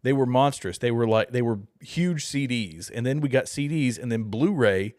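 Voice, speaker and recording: A man co-hosting a talk show, laying out his points in an earnest, explanatory way and thinking aloud. His voice sits at a middle pitch. The sound is dry and close, with no roominess. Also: moderate pace, darkish tone, no room sound. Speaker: podcast co-host. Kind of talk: casual panel chat.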